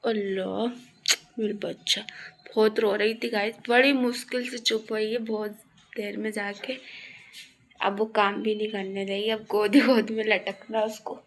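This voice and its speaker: A woman's voice: medium pitch, a little slow, slight background noise. A woman vlogging at home as a mother, chatting straight to her viewers in a casual, storytelling way. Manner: tells stories with lively back-and-forth. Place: at home, in the kitchen.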